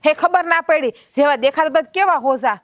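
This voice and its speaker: A woman playing a sharp-tongued village wife who taunts her husband in a family drama. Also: sits high, a little fast, no echo, close to an everyday voice. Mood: taunting.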